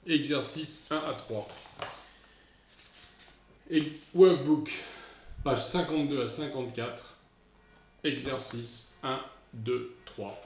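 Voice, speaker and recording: A man talks pupils through an English lesson in a steady middle voice. He explains patiently and often repeats or restarts his phrases. The sound is dull and echoes around the room. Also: mid-range voice, slow pace, long pauses, slight background noise. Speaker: English teacher. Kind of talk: recorded remote lesson.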